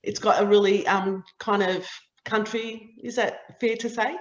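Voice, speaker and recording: A woman's voice: medium pitch, steady tone, a little slow. A woman answering hesitantly on a panel. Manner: hesitant, tentative. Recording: roomy, dull remote audio.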